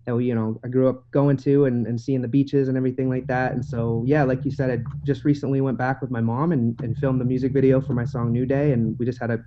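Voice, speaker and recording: A young man joins a podcast over a remote call and talks in an eager, friendly way, often restarting his words. His voice sits at an ordinary middle pitch. The call audio sounds dull and muffled. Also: flat delivery, fast, few pauses, a little hiss or hum. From Hawaii and Idaho. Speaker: guest musician. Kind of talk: casual interview chat.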